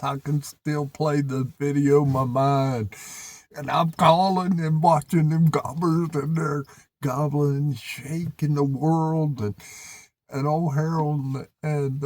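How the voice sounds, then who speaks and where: A man with an Appalachian accent telling hunting stories casually, in a folksy, drawn-out country way. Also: on the high side, creaky, a little mellow, no echo. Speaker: turkey hunter presenting his own video. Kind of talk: casual storytelling.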